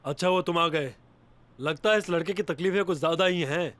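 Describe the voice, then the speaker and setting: A man's voice: fairly high pitch, brisk, fairly bright tone, lightly acted. An actor dubbing an exasperated male teacher who scolds a troublesome student. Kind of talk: Hindi dub of a TV drama.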